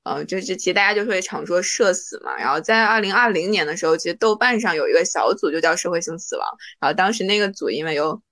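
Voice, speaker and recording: A woman hosting a podcast, introducing the topic in a measured, steady way. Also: lowish voice, no room sound, studio quality. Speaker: podcast host. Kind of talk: casual podcast chat.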